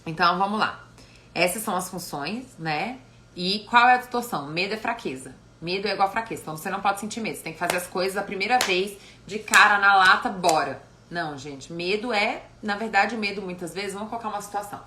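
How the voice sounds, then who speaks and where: A woman psychologist gives an animated live-stream talk. She often ends phrases with tag questions. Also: mid-range voice, fast. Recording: echoey room with faint noise.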